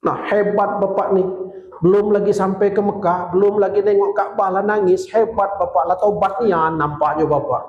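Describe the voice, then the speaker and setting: A man's voice: high-pitched, steady tone, normal speed, muffled recording. A man with a Jambi Malay accent, preaching a humorous sermon and telling funny stories to a gathering. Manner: jokey storytelling, acts out dialogue. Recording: echoey hall.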